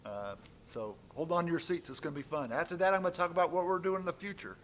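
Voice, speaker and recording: A man's voice: a little high, fast talker, fairly bright tone, slight background noise. A man opening a members' meeting at a conference, speaking off the cuff in a friendly, lightly joking way into a stage microphone. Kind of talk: public address at a conference.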